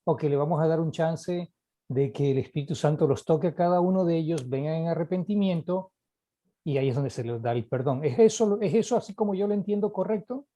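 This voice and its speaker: A man's voice: fairly high pitch, brisk, dark tone. A man taking part in a Bible study, asking questions and arguing his point. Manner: inquisitive, argues his point.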